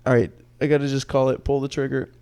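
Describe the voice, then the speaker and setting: Hesitant young man, gravelly but smooth. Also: mid-range voice, level tone, fast, dark tone. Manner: hesitant, trailing off, lots of fillers. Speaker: podcast co-host. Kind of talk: casual chat.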